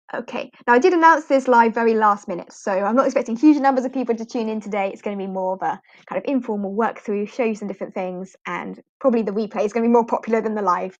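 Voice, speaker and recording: A British woman from the UK, an online ESL teacher hosting a livestream, rambles chattily through a live walkthrough with fillers and light laughs. Her voice is fairly high, and the recording is dry and muffled.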